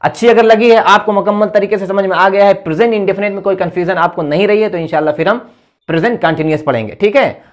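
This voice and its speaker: A man talks through an English grammar lesson, his voice sitting a little high. He explains patiently, repeating key points and checking in often with his students. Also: quick pace. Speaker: English teacher.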